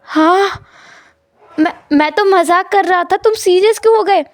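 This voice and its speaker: A woman's voice: sits high, animated, a little fast, gravelly, darkish tone, no room sound, clean studio sound. A woman voicing a nervous, flustered young husband who stammers and pleads in a rush.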